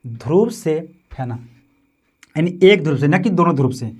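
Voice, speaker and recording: This physics teacher, a man with a Bihari Hindi accent, has a fairly high, animated voice that is darkish and a bit rough, moving at a moderate pace. He keeps repeating terms and tags lines with "समझे?" and "है ना", answering his own questions as he goes.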